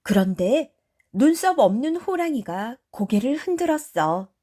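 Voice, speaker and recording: A woman telling a bedtime folktale in a gentle, soothing ASMR narration. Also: sits high, very animated, a little slow. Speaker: storyteller. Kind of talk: soft ASMR bedtime storytelling.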